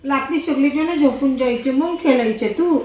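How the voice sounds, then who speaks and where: A woman's voice: high-pitched, normal speed, darkish tone. An older woman, a grandmother, teasing her grandson in playful, laughing baby talk in a casual family chat at home. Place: indoors at home. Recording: echoey room with faint noise.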